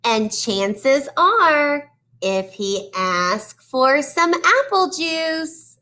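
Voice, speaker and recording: High, bright woman reading to children. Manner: addresses children directly with questions and praise; deliberate, expressive storytelling. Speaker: teacher reading aloud to young children. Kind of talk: children's storybook read-aloud.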